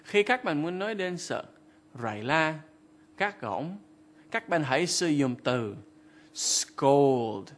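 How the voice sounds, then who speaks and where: A man teaches vocabulary on television at a slow, careful pace. His fairly high voice reads example sentences and explains what they mean. The delivery stays calm and explanatory. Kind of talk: scripted lesson explanation.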